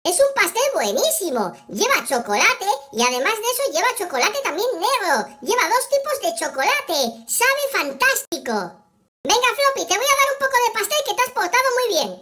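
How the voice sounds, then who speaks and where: A performer voicing an excitable little male cartoon kitten chef, exclamatory and childlike, presenting a game to young viewers. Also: extremely high pitch, moderate pace, full character voice. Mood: cheerful. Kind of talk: children's video game showcase, acted narration.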